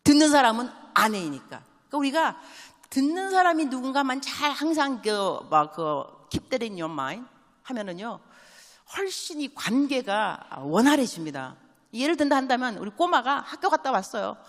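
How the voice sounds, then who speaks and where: A woman missionary preaching a sermon, telling stories and asking the congregation quick questions, mixing in English phrases. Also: high voice. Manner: animated storytelling with quick call-and-response questions to the congregation; drops English phrases into her speech. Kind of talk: church sermon. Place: large church sanctuary. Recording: long church hall reverb.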